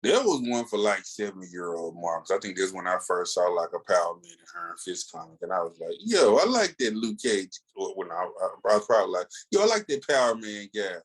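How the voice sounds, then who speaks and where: Deep-voiced and very animated, this co-host talks a little fast with few pauses, and the audio is poor. He chats casually on a comics podcast, opinionated, slangy and prone to digressions.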